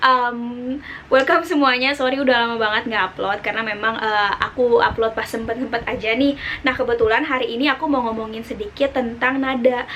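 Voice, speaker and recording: A woman's voice: a little high, fairly even intonation, fairly quick, fairly bright tone, a little hiss or hum. A young woman with an Indonesian accent, giving a casual online Mandarin lesson and drawing out syllables to show the tones. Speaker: Mandarin teacher.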